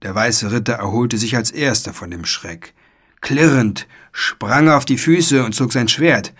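A man narrating a children's storybook in an expressive, dramatic way. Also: mid-range voice, unhurried. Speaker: audiobook narrator.

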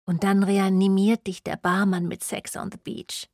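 A woman's voice: medium pitch, level tone, moderate pace, creaky, a little mellow, no room sound, clean studio sound. A woman voicing a bored young student with a weary, matter-of-fact manner. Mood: chatty.

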